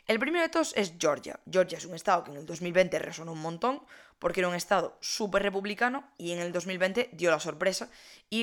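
A woman's voice: medium pitch, fairly bright tone. A young woman, casually explaining politics in a chatty monologue, with many fillers and self-corrections.

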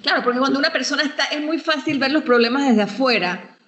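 A woman's voice: sits high, fast, a bit bright. Woman, podcast host, casual conversation, agreeing, sums up and wraps up.

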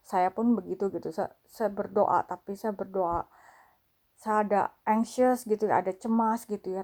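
Mellow-voiced woman, halting testimony. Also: medium pitch. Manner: halting, many fillers, repeats phrases. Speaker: vlogger sharing a faith testimony. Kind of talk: casual spoken testimony.

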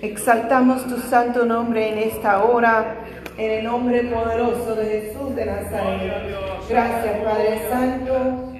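Leading a church Bible study with prayer, this woman speaks slowly in a voice on the high side and a level tone, dropping frequent amens and hallelujahs. A crowd can be heard behind her, and since she is far from the microphone in the church hall, the sound is heavily echoed.

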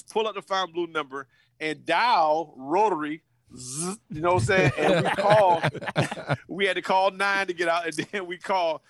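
A man in his fifties, a former college football player, telling an animated story full of slang, repeated words and acted-out voices. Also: on the high side, dry recording.

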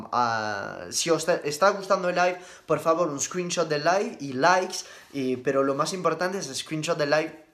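A young man, a nutrition coach answering viewer questions on a live stream in brisk, matter-of-fact replies with casual slang. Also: a little high, a bit bright.

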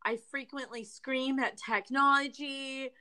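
Woman co-host, casual podcast chat, candid and playful, slightly high voice. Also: fairly even intonation, unhurried, sharp tone, smooth.

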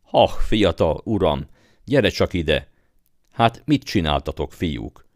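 A man's voice: low voice, lively intonation, dry recording, studio quality. A man voicing a frantic old male goldsmith in an audiobook, with a shaky, pleading voice and wailing, accusing outbursts. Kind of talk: audiobook character voice.

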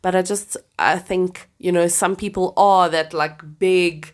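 A woman's voice: lowish voice, steady tone, unhurried. A woman co-hosting a casual faith chat, enthusiastic and laughing often, her voice a little stuffy from a cold. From Southern Hemisphere. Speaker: podcast co-host.

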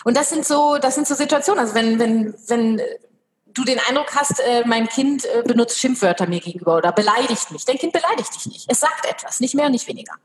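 A woman in her thirties talking casually in a podcast conversation, lively and acting out her child's lines. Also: on the high side, quick pace, slight background noise. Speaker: parenting guest.

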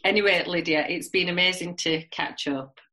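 A woman co-hosting a podcast in casual chat, telling stories in a relaxed way. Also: on the low side, normal speed. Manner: relaxed storyteller with fillers. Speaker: podcast co-host.

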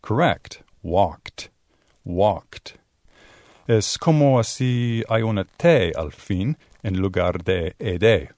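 A man teaching English pronunciation in a bilingual lesson, drawing out sounds slowly to demonstrate them. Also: lowish voice, lively intonation, a little mellow, dry recording. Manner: slow, exaggerated demonstration of sounds. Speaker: Spanish-speaking English teacher.

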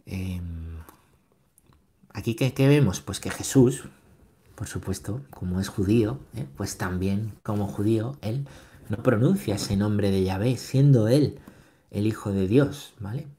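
A man's voice: fairly low pitch, measured pace, warm tone. A man gives a catechism lesson. He repeats key phrases and checks in with his listeners after each point. He reads passages aloud with rising emphasis. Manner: repeats phrases, tags lines with "¿vale?" and "¿eh?". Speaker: catechism teacher. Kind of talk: catechism teaching.

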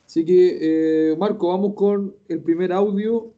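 A man's voice: high voice, fairly even intonation, a little slow, phone-quality sound. A man hosting a casual online language class, chatty and encouraging, often repeating himself. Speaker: host and Japanese teacher.

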